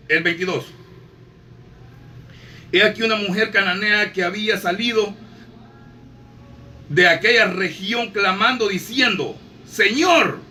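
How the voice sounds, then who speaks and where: A preacher with a very high, sharp voice, scolding his listeners in a fervent sermon. He keeps circling back with fillers and rhetorical questions. He is heard from a distance, with faint music underneath.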